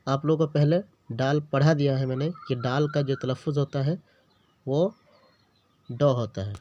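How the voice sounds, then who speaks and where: A man's voice: mid-range voice, moderate pace, warm tone. A man teaching a beginner language lesson, patiently sounding out letters and words one at a time and checking in with the learner often. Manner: repeats each word, checks in with the learner often. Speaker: Urdu teacher. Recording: dull lo-fi recording.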